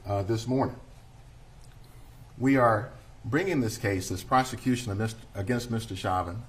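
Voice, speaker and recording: Middle-aged male prosecutor, deliberate courtroom opening to a jury. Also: lowish voice. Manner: measured, deliberate, addressing a jury.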